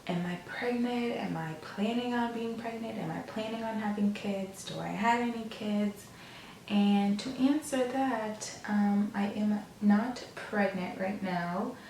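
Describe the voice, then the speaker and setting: A young woman chatting casually in a monotone, low-key way, like a get-ready-with-me beauty vlogger. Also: unhurried, far from the mic. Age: young adult. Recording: echoey room, off mic, faint noise.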